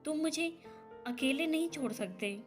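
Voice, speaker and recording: A woman's voice: high-pitched, expressive, moderate pace, soft background music, pitched above the performer's own voice. A woman voicing a deceitful, self-pitying young wife who talks in a plaintive, pleading way.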